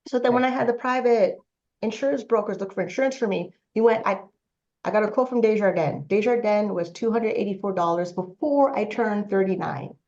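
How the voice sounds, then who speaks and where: A woman's voice: mid-range voice, fairly quick, a little mellow, highs cut off. A Canadian woman in her late thirties, speaking as a panelist in a casual discussion, telling her story in a rambling, matter-of-fact way. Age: 30s.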